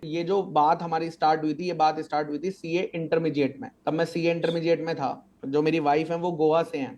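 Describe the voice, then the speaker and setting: Guest, male, 30s, chatty storyteller with a slightly high voice, casual interview. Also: darkish tone, dull audio. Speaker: podcast guest, chartered accountant teacher.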